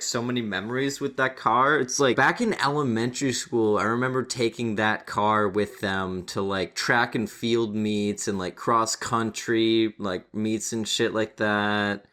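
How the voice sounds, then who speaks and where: A man's voice: mid-range voice, fairly even intonation, a little slow, hardly any pauses, pushed and bright. A young man co-hosting a podcast, laid-back and swearing casually as he tells a story over a voice call. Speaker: podcast co-host. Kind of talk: casual chat. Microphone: computer mic over a voice call.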